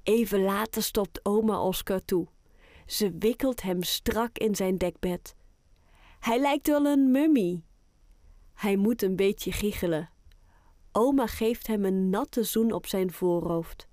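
A woman narrating a children's audiobook in a clear, gentle storytelling manner. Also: medium pitch, takes it slowly, dry recording, studio quality.

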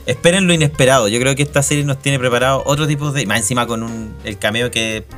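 A Chilean man chats loosely about a TV show, slangy and jokey, at a middle pitch. He breaks off his own sentences and restarts them. Soft music plays faintly underneath. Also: fast talker. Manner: slangy, joking, self-interrupting. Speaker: podcast co-host. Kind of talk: casual chat about a TV series.

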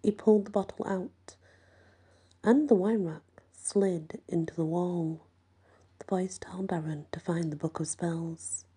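Hushed, husky woman narrating horror. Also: lowish voice, measured pace. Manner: hushed, often whispered delivery. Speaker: audiobook narrator. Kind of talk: scripted horror story narration.

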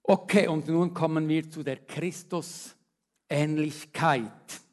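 Man, preacher, earnest sermon delivery, fairly high-pitched. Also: fairly even intonation, takes it slowly. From Switzerland. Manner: earnest, rising to emphatic appeals then dropping to quiet.

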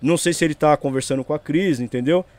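A man's voice: on the high side, quick pace, a little mellow, no room sound. A man, telling his side of a story as a guest in a casual interview, rambling along and checking in with the listener. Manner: rambling, tags lines with "entendeu?" and "meu".

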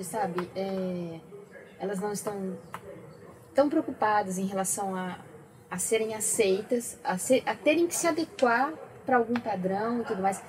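Soft-spoken Brazilian-show guest woman, measured. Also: mid-range voice, poor audio. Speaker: guest, teacher and mother. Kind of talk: casual talk show chat.

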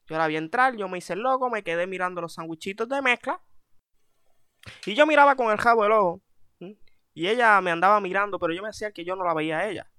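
A man's voice: sits high, fast talker, dry recording, clean studio sound. Man telling a comic story. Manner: animated, self-mocking, repeats punchlines. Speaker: comedic storyteller.

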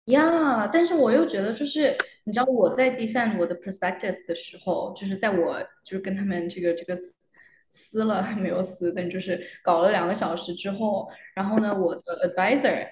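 A woman's voice: medium pitch, fairly quick, a little mellow. A young adult woman, a doctoral candidate guest, chatting casually about her research and moving between Chinese and English mid-sentence with many fillers. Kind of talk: casual academic chat. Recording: roomy with faint noise.

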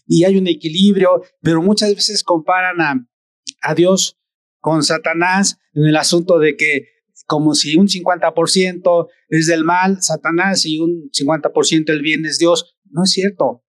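Un predicador con acento mexicano que da un sermón de forma lenta, deliberada y enfática. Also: male voice, on the high side, fairly even intonation, a bit bright, dry recording, studio quality. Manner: slow, deliberate, emphatic preaching. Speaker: preacher. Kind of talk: sermon.

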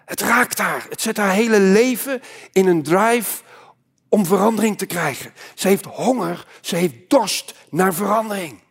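Male pastor, high voice, impassioned sermon, swings from loud to hushed. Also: unhurried, gravelly, breathy edge.

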